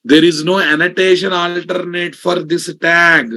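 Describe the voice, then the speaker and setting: A man with a Telugu Indian accent and a fairly high, gravelly voice teaches a live online coding lesson. He hammers points home emphatically, repeats sentences and often checks whether students follow. His tone is level and sharp, his pace measured.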